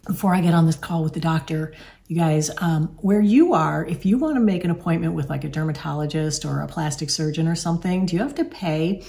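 Low-voiced chatty woman vlogging at home. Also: brisk, creaky, dark tone. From northeastern United States. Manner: chatty, confiding, many fillers and asides. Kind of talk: casual vlog chat.

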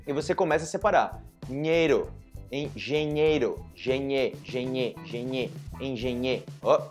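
Brazilian man teaching pronunciation, fairly high. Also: darkish tone. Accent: Brazilian Portuguese. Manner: repeats words slowly syllable by syllable, asks "ok?" often. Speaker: language teacher. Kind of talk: pronunciation lesson to camera.

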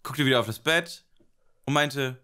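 A man's voice: medium pitch, normal speed, pushed and bright. A man co-hosting a podcast, telling a rambling anecdote in casual chat, laughing often and acting out quotes. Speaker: podcast co-host.

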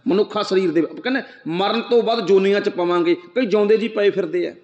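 A man giving a sermon, explaining scripture line by line, asking rhetorical questions, reciting verse slowly and speaking straight to his listeners. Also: high voice, a little mellow. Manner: addresses listeners directly. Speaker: preacher. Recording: echoey hall, dull lo-fi sound.

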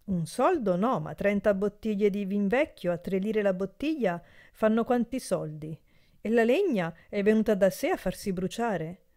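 A woman's voice: mid-range voice, animated, normal speed, mellow, lightly acted. A woman voicing a cold, ironic rich landlord who speaks with mocking precision in an audiobook.

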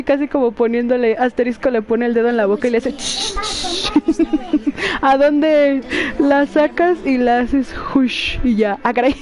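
A woman's voice: high voice, a little mellow. A young Mexican woman streaming a game live, chatting playfully with her viewers and laughing often. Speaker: Twitch streamer. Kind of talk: casual live-stream chat while gaming.

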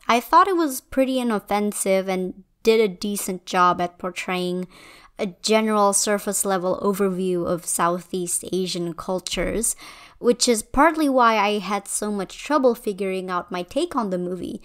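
A young Indonesian woman with a smooth, mid-range voice narrates a video essay. The voice-over is scripted commentary, and she sounds conversational, opinionated and slightly wry.

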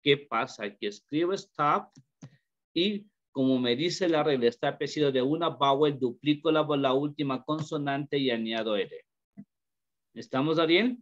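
Hombre profesor de inglés, habla lento. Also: male voice, on the high side. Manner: slow, repeats questions to students, mixes English into Spanish. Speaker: English teacher. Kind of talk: online class lesson. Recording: dull lo-fi call audio.

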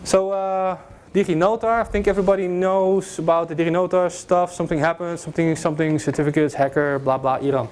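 Recorded by a far-off classroom camera with a bit of background noise, this young adult man speaks on the high side, flat and fairly quick, with few pauses and a slightly mellow tone. He's delivering an informal, joke-filled security lecture with slides in front of a projector screen, full of fillers and restarts.

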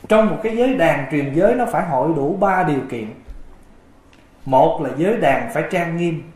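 A male Buddhist monk with a voice that sits high gives a gentle dharma talk, occasionally chanting verse passages from scripture. It was recorded in an echoey room.

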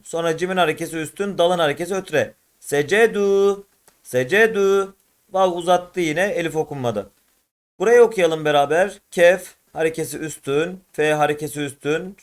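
Man, high voice, patient reading teacher, drawn-out repeated syllables. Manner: drawn-out, louder syllables read aloud for repetition; addresses viewers as friends, patient explaining. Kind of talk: step-by-step reading lesson.

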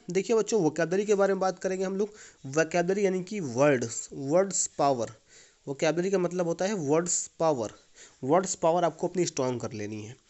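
A man's voice: on the high side, a little mellow. A man with an Indian accent, a school English teacher, explaining a lesson patiently to his students and repeating key points. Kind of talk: classroom lesson video.

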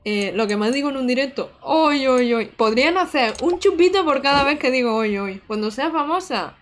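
Excitable young woman streamer. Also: high voice, normal speed, slight background noise. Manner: excitable, chatty, with frequent squeals and giggles. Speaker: streamer playing a video game. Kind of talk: casual live-stream gameplay chat.

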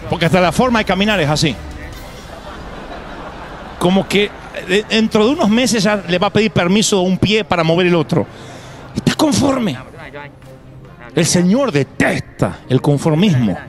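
A man's voice: sits high, animated, moderate pace, faint music behind. A man pastor preaching a live sermon to a congregation, emphatic and punctuated with humorous asides and acted quotes. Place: church before a congregation.

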